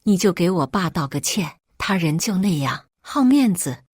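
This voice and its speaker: A woman's voice: lowish voice, expressive, moderate pace, a little mellow, no echo, studio quality. A woman reading a weary coaxing husband. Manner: sighing, coaxing.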